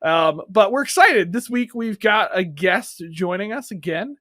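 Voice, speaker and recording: A man's voice: high voice, expressive, measured pace, pushed and bright, no echo, studio quality. A man co-hosting a podcast, joking and rambling in casual banter, often laughing at himself. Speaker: podcast co-host.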